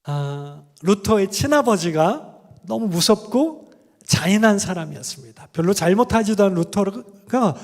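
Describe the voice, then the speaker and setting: A man gives a conversational sermon as a guest professor, often turning to the congregation with questions. His voice sits high for a man. The sound carries a long reverb from the church sanctuary. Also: expressive, a little slow, a little mellow. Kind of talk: sermon with sung examples.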